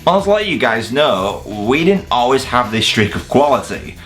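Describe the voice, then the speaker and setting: A British man hosting a video review channel delivers scripted comedic countdown narration, sarcastic, sweary and exaggerated. His mid-range voice is fairly bright with big pitch swings at a moderate pace, over soft background music.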